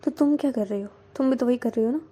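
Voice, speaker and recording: A woman's voice: on the high side, fast talker, warm tone, slightly rough. A woman voicing an irritated young female teacher who snaps and scolds. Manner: snappy, scolding when angry.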